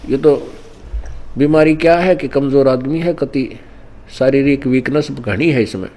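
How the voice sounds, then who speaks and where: Preacher as a blunt village doctor. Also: male voice, mid-range voice, unhurried, lightly acted. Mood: matter-of-fact. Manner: flatly repeating one verdict.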